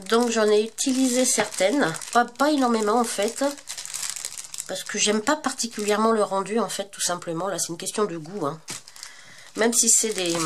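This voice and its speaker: Over a noisy background, a French-accented woman with a mid-range voice hosts a crafting tutorial through a stuffy cold. Her talk is loose and unsure, packed with fillers and frequent self-corrections, as befits a relaxed crafting channel host.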